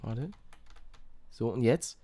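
A young man doing excitable Let's Play commentary, yelping at failures and mixing in English slang. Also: mid-range voice, takes it slowly. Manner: excitable, shouts and yelps at failures; mixes English slang into his talk. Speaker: gaming YouTuber.

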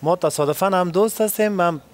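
A young man with an Afghan Dari accent, a game show contestant answering earnestly and cheering his partner on. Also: high voice. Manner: earnest, repeats encouragement excitedly. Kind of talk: casual interview answers and cheering.

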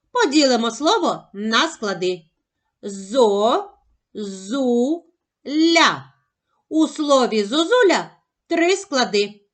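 A woman teaching a phonics lesson to young children, sounding out syllables slowly and carefully. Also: fairly high pitch. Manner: slow, careful, over-articulated sounding out of syllables.

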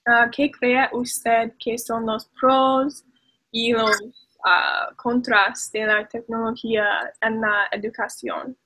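Slow, bright young woman learner. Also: a little high, flat delivery, husky, rough recording. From Minnesota, USA. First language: English. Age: young adult. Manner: halting, many "um" pauses. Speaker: Spanish student. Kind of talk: scripted class oral exchange. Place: small room indoors. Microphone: webcam at desk.

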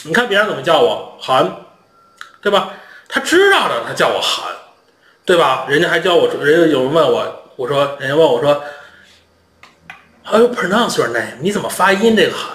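A male host, from China, telling funny anecdotes in a casual, animated vlog style. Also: a little high, moderate pace, pauses often, roomy sound. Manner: chatty, animated, humorous anecdotes. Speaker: international education channel host.

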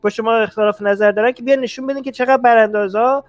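A man's voice: very high voice, steady tone, faint music behind. A male host on a live stream, arguing with rhetorical questions and taking callers.

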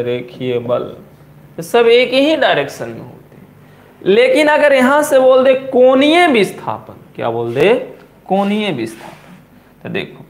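Slow, lively Bihari physics teacher. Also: male voice, fairly high pitch, a little hiss or hum. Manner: repeats key terms slowly, asks and answers his own questions. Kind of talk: classroom lecture at a board. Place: coaching classroom.

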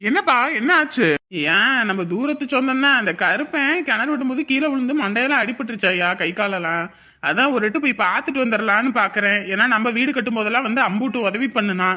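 A man's voice: extremely high pitch, quick pace, bright, forceful tone, heavily acted. A man playing a caring middle-aged village father in a family drama, speaking earnestly. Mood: concerned.

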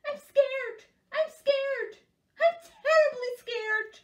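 A woman voicing a timid, wimpy male cook in a children's story, whining and panicky, with drawn-out plaintive wails. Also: very high-pitched, fairly bright tone, reverberant, distant mic, pitched above the performer's own voice, heavily acted. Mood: scared, whining.

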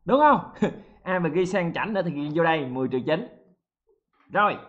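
A male math teacher leading an exam-prep lesson, lively and joking, checking in with students often. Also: fairly high pitch, normal speed, highs cut off.

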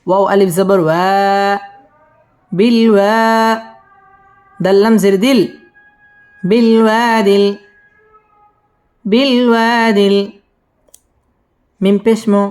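High-voiced man teaching Quran recitation. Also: a little mellow. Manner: syllable-by-syllable drilling with melodic recitation. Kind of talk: spelling out and chanting Quranic verses.

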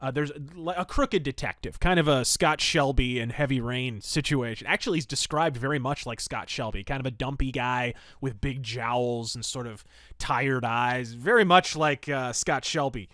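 In a studio-quality recording with no echo, a podcast host reviews pulp fiction and recaps its plots casually, wandering off on tangents and adding emphatic asides. He has a mid-range, fairly bright voice and speaks at a moderate pace.

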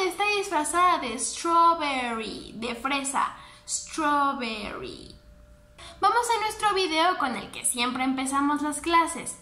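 A woman with a Mexican Spanish accent, teaching English words to small children, repeating each word slowly and patiently. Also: high-pitched, sharp tone, roomy sound. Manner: slow, patient word drilling with repetition. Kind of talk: online class for young children.

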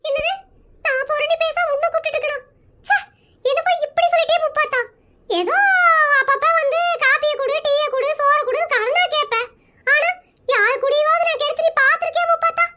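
A woman's voice: very high voice, steady tone, brisk, pushed and bright. A woman voicing a nosy, dramatic neighbour woman in a cartoon comedy, speaking in a whining, theatrical, wheedling way. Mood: whiny.

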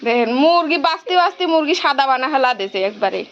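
A woman's voice: high-pitched, expressive, quick pace, fairly bright tone, dull audio, a little hiss or hum. A woman vlogger with a Pabna Bengali accent, chatting casually to viewers while showing picnic cooking at home. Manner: chatty, addresses viewers directly. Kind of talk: casual vlog tour in regional dialect.

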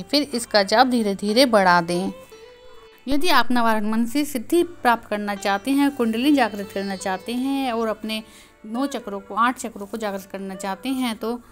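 A woman hosting a channel, earnestly explaining a devotional practice and speaking directly to her viewers. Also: a little high. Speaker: spiritual teacher, channel host. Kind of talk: devotional instruction.

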